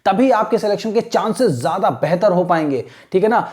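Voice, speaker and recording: A man teaching English online to exam aspirants, explaining earnestly, often checking "right?" and reading English sentences slowly for students to repeat. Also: sits high, darkish tone. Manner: keeps asking "right?", repeats English phrases slowly for imitation.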